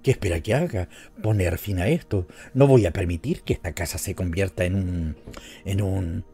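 An indignant, zealous missionary speaks with stern vehemence, as a male narrator voices him. The voice sits low and mellow. Soft music runs faintly behind this audiobook reading. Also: normal speed, husky. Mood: vehement.

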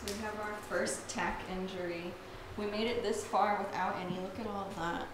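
A woman's voice: medium pitch, steady tone, moderate pace. Chatty woman vlogging in an echoey house. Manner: chatty, playful, cheerful. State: tired from work. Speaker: home renovation vlogger. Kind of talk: casual vlog narration. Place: empty house under renovation, indoors. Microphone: handheld camera held close. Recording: echoey empty room with music.

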